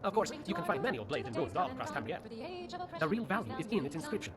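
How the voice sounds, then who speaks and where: An actor playing an inexperienced, apologetic young noble in a video game, polite and wordy. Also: male voice, a little high, big pitch swings, quick pace. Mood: earnest. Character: earnest, mumbling, inexperienced young noble heir. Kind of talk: video game character dialogue. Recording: sped-up game audio under music.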